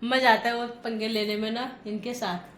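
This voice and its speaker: Chatty woman vlogger, light high voice. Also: fairly even intonation, normal speed, a bit bright. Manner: chatty, laughs often, teasing friends. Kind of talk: casual vlog narration. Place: walking around a neighbourhood, indoors and out.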